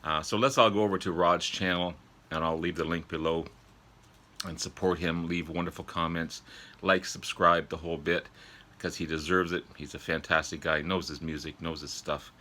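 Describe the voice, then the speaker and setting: Very deep-voiced man with a sore throat. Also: steady tone, bright, forceful tone. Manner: halting, frequent throat clearing. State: sore throat from a summer cold. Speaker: music vlog host. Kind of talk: casual chat to viewers about records. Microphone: older phone.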